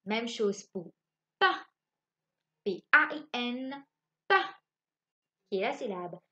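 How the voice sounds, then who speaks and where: Slow, bright-voiced woman teaching phonics. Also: a little high, animated, highs cut off. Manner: slow, spelling out letters and asking checking questions. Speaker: primary school teacher. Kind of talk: French phonics lesson for young children. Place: home.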